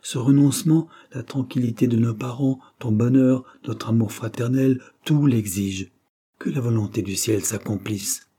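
A man voicing a gentle, self-sacrificing young peasant in an audiobook, speaking earnestly and pleading. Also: medium pitch, normal speed, slightly rough. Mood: pleading, sorrowful.

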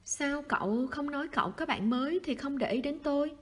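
A woman reading the lines of a laid-back, teasing teenage schoolboy in a husky voice. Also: high-pitched, a little fast, voice pushed up, natural voice.

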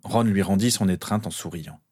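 A man narrating an audiobook in a steady, even reading voice. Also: sits low, moderate pace, slightly rough.

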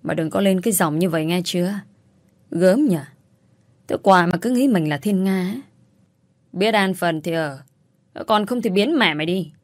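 A woman's voice: on the low side, expressive, normal speed, pauses often, no echo, lightly acted. A woman voicing a harsh, bullying sister-in-law in a told story, scolding and insulting with contempt. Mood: scornful scolding. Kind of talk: storytelling, acted dialogue.

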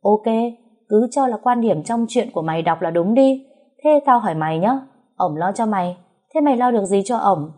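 Woman as blunt best friend in a storybook, scolding, warm timbre. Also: mid-range voice, animated, normal speed, pitched above the performer's own voice, close to an everyday voice. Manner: scolding, lecturing.

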